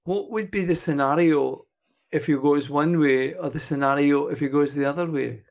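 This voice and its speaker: Scottish man, animated storyteller, somewhat high voice, casual podcast chat. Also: moderate pace, gravelly. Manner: animated storyteller, chuckles and uses Scots words.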